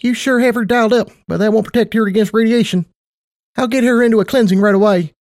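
A man's voice: high-pitched, fairly even intonation, fast, a little mellow, no room sound, studio quality, pitched above the performer's own voice. A man voicing a perky, affectionate female pony who teases and chatters in a bubbly way. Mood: brisk.

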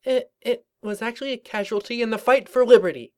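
A man's voice: fairly quick, darkish tone. A man voicing a frantic, paranoid young female pony who is dramatic and overwrought. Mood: indignant. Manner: shrill and overwrought, warbling when singing.

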